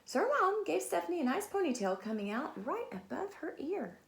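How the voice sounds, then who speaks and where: High, animated woman reading a storybook. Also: a little fast, gravelly. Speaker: teacher reading a storybook aloud. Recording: echoey, roomy sound.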